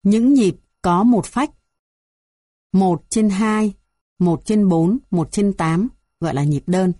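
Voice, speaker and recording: A woman reads a music theory textbook aloud in a mellow, warm voice. Her delivery is even and measured, moving steadily through numbered items. The recording is dry and close. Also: mid-range voice, no echo. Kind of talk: scripted textbook narration.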